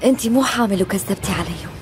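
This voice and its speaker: A woman's voice: medium pitch, rapid-fire, natural voice. A woman with a Syrian accent acting a bold, confrontational young woman in a dubbed television drama. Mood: threatening, accusing. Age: young adult. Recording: dramatic background music under dialogue.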